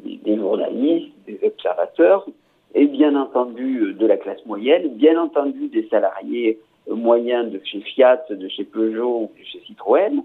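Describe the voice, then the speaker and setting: Husky-voiced man on a phone line. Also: medium pitch. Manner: hesitant, repeats words, many fillers. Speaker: commentator. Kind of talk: radio discussion. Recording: tinny phone-line radio sound.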